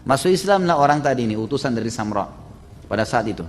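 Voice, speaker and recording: A man's voice: medium pitch, lively intonation, fast talker, a little hiss or hum. A male preacher telling a religious story in a casual style, often ending phrases with tag fillers. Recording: reverberant hall.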